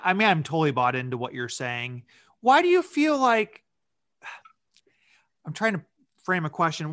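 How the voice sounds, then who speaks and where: A man hosting a podcast, agreeing and then haltingly framing his question. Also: sits high, sharp tone. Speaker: podcast host. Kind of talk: podcast interview.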